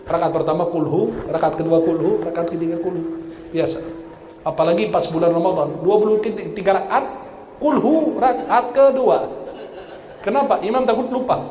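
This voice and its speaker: In a big mosque hall where his voice echoes above a low hum of room noise, a high-voiced preacher whose first language is Arabic teaches Quran recitation. Playful and lively, he lectures and has his listeners repeat each sound after him.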